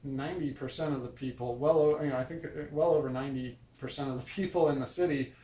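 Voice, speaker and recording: An American man with a mellow, medium-pitched voice talks fast in a steady tone, rambling casually like a video blogger. He sounds hesitant, meandering and keeps correcting himself. The mic is distant in a roomy space, and there's noise.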